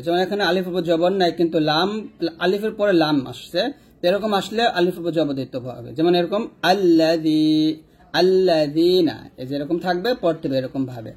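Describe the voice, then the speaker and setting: Husky man teaching letter sounds slowly. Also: high-pitched. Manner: slow, repeats sounds for drilling. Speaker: Quran reading teacher. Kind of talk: step-by-step recitation lesson.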